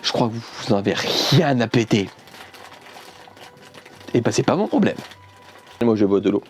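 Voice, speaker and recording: A man's voice: medium pitch, expressive, unhurried, a little hiss or hum. A man chatting casually while unboxing gifts on camera, rambling, joking and laughing often. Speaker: YouTuber unboxing a subscription box.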